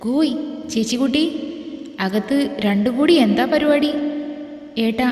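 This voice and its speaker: A woman's voice: sits high, measured pace, darkish tone. A woman voicing a cheeky, playful teenage younger sister, in an echoey room. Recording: echoey room with long reverb.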